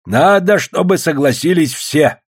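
A man's voice: a little high, lively intonation, unhurried, husky, pitched above the performer's own voice. A man reading an audiobook, voicing an earnest elderly man who urges everyone to agree. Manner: persuasive, speechmaking. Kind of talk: audiobook character voice.

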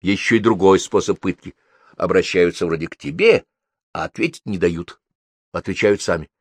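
A man narrating a first-person story as an audiobook reader, in a lively, expressive reading. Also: normal speed, breathy edge, no room sound. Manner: lively, expressive reading with wide pitch swings.

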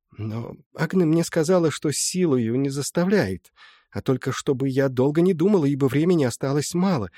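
A man's voice: medium pitch, no room sound, close to an everyday voice. Male reader as an old village mother, humble and tearful, dry close mic. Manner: soft storytelling, folksy and confiding. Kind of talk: audiobook reading.

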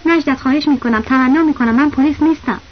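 A woman with a fairly high, everyday-sounding voice reads the quoted lines of a young man posing as a teacher, who is flustered, desperate, and pleading as he keeps denying things. The audiobook recording is dull and lo-fi with faint hiss.

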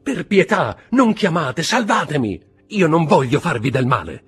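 A man's voice: low-pitched, big pitch swings, unhurried, a little mellow, breathy edge, faint music behind, exaggerated voice. A man reading aloud, voicing a cornered, insolent young male scoundrel with a mocking manner. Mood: pleading.

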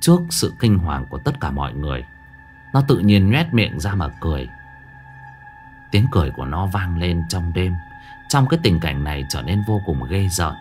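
A man narrating a ghost story in an expressive storytelling manner. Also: low voice, moderate pace, soft background music.

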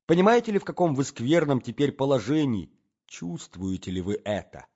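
A stern young man, played by a male reader who scolds and lectures in a low, reproachful hush. The sound is dull and lo-fi. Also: very animated, moderate pace. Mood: scolding. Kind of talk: audiobook character reading.

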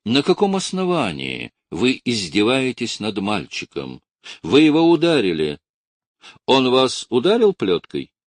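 A man voicing a fussy, indignant middle-aged official who protests in a high, agitated voice. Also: wildly swooping pitch, measured pace, dry recording.

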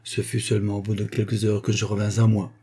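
A man reading a classic French novel aloud as scripted narration, in a steady, measured way. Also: fairly low pitch, slightly rough. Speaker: audiobook reader.

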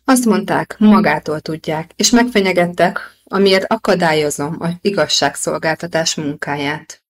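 A woman's voice: lowish voice, close to an everyday voice. Woman reading as a stern, angry female clinic boss. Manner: sharp and scolding, softening later.

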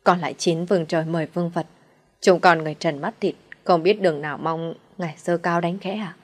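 A woman voicing a shrill, superstitious old fortune-teller. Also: fairly even intonation, fairly quick, natural voice. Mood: praying. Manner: scolding, then fawning when praying.

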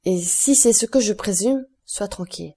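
A woman reads a grave male nobleman, once a sailor, who speaks with solemn earnestness. The audiobook voice is warm and dark-toned. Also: medium pitch, normal speed, husky. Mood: earnest. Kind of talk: audiobook character voice.

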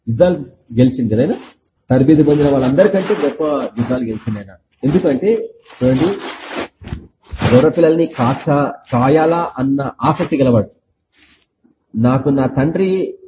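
A man's voice: fairly high pitch, mellow, a little hiss or hum, low-quality recording. A man preaching an impassioned sermon, pressing his listeners with rhetorical questions.

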